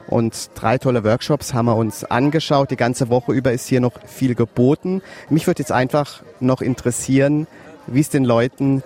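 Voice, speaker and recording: A man hosting a radio feature, asking clear, friendly questions at an outdoor camp. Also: medium pitch, darkish tone. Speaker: radio reporter.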